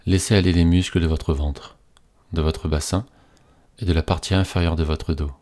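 A man reading a scripted guided relaxation in a slow, soothing, hypnotist-like manner with repetitive phrasing. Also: sits low, fairly even intonation, mellow.

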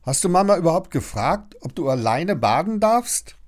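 A man's voice: a little high, normal speed, pitched above the performer's own voice. A man doing a spirited young girl. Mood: lively. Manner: lively, bossy. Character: spirited young girl, quick-tempered but fond.

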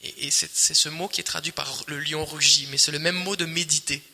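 A man preaching a sermon, emphatic and repetitive, swelling loud and then dropping quiet. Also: on the high side, fairly even intonation, fairly quick, creaky. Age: adult, married. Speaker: pastor. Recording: long hall reverb.

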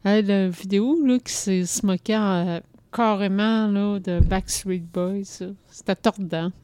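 A woman with a Quebec French accent chatting casually about music as a podcast co-host, calm and agreeable. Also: mid-range voice, measured pace, smooth, no echo.

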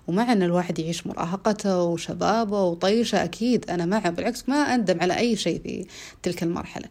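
Fast-talking woman. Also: lowish voice, darkish tone. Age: 30s. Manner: earnest, repeats herself, pauses on drawn-out fillers. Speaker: podcast host. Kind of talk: solo podcast monologue.

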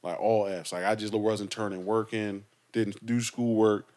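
Young man, fairly low voice, podcast co-host, casual chat, slangy and animated storytelling. He speaks in an easygoing way and keeps the stories rolling. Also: measured pace. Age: young adult.

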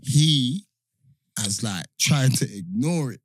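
A man's voice: mid-range voice, expressive, slow pace, slightly rough, no echo. London roadman man telling stories, dry close mic. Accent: London roadman, multicultural urban slang. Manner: repeats phrases, checks the listener is following. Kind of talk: casual chat, slangy storytelling.

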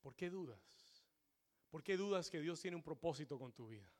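A man preaching a sermon to a congregation, repeating his points in English and rising to shouts before dropping low and slow. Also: lively intonation. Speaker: pastor. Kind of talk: bilingual sermon. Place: church sanctuary.

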